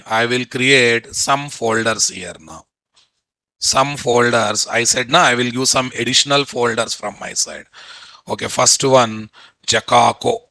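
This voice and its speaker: Indian guy w telugu accent teaching online, forceful bright voice, blunt, keeps repeating himself, dry sound. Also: mid-range voice, no room sound, rough recording. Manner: blunt, scolding, repeats phrases and rhetorical questions. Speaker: software instructor. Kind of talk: live online class, informal teaching with screen share. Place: indoor room, online video call.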